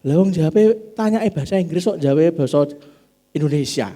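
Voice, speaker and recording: A man with a Javanese accent preaching a sermon in church, acting out family dialogue in high voices. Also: a little fast, mellow. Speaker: pastor.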